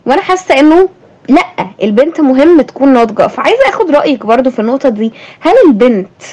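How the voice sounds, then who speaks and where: A woman's voice: high voice, very animated, racing, warm tone, dull audio. A young woman with an Egyptian Arabic accent, hosting a thoughtful conversation and asking her guest questions. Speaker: host. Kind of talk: reflective conversation.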